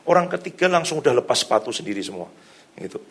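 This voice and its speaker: A middle-aged male pastor, preaching in a loose storytelling way. His voice is gravelly and a little husky, and he laughs often between stories. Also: mid-range voice, very animated, quick pace, a bit bright. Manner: conversational storytelling, laughs often, javanese-flavoured casual indonesian. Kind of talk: sermon. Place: church hall.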